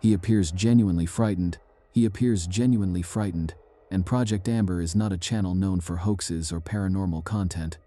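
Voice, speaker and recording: A man giving a measured, ominous scripted narration of eerie true stories. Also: low voice, warm tone.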